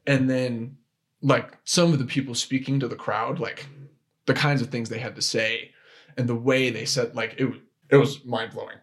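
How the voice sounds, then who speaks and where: A man's voice: mid-range voice, steady tone, moderate pace. A young man, a podcast guest, telling a personal story in casual chat, full of restarts and filler words. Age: young adult. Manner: rambling, with frequent restarts and "like" fillers.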